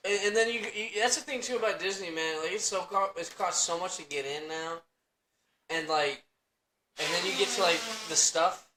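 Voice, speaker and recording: A man's voice: high-pitched, normal speed, background noise. A man in his twenties hosting a podcast, joking crudely and swearing in casual chat. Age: 20s. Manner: crude joking, swears a lot, laughs often. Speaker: podcast host. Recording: roomy echo.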